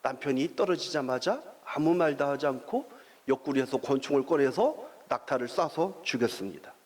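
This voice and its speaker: A man preaching a sermon as pastor, telling a story with long pauses and drawn-out fillers and putting questions to the congregation. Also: mid-range voice, expressive.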